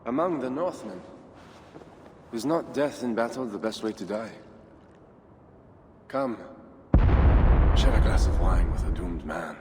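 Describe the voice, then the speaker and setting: Proud doomed count in a game drama: courtly, rhetorical, very varied pitch, reverberant hall, music behind. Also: male voice, expressive, a little slow, pauses often, background noise. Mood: resigned. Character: proud, doomed Frankish count defending his city. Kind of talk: cinematic game dialogue.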